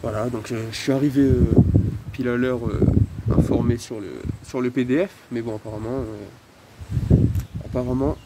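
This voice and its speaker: Casual male vlogger, mid-pitched, masked, hesitant and drily grumbling, recorded at a noisy roadside with loud vehicles. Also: fairly even intonation. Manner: halting, hesitant, wry grumbling with mild swearing. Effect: speaking through a face mask. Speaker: video creator talking to followers. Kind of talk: casual rambling solo vlog. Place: outdoors by a roadside bus stop. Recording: loud outdoor street and vehicle noise.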